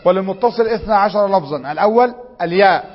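A man's voice: high-pitched, quick pace, in a large hall, lo-fi sound. A man with an Egyptian accent teaching a grammar lesson, prompting students with questions and reading rules aloud. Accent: Egyptian Arabic.

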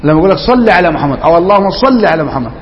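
A man's voice: on the high side, very animated, rapid-fire, big-room sound, highs cut off. Egyptian man teaching grammar in class. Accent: Egyptian Arabic. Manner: asks students questions and repeats answers.

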